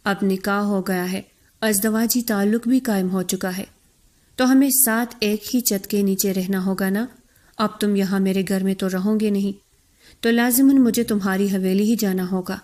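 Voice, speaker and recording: A woman's voice: medium pitch, fairly even intonation, a little mellow, natural voice. A woman voicing a bold, stubborn young bride. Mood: carefree. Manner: carefree and firm.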